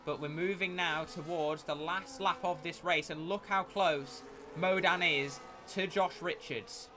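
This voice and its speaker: A man giving live motorsport commentary as a race commentator, with an excitable delivery that rises at incidents. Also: on the high side, a little slow, a little hiss or hum.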